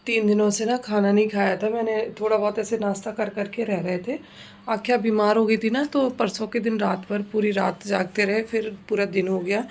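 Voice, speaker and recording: A woman's voice: mid-range voice, moderate pace. A woman, chatting casually to viewers in a home vlog about her day and housework. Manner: chatty, relaxed, talks straight to viewers. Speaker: vlogger, homemaker and mother. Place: at home, indoors.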